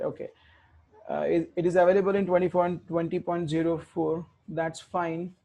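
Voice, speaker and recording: A man's voice: fairly high pitch, vocal fry, darkish tone. Self-correcting man muttering through a tutorial. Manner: thinks aloud, self-correcting, mutters while typing. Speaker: tech instructor. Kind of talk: live coding tutorial.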